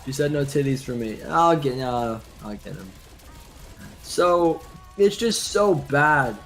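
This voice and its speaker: A young man talking casually over a game, his voice swinging widely in pitch as he rants himself into a worked-up state. He stays animated and expressive the whole time, with faint music behind him. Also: slow pace. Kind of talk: casual gaming chat.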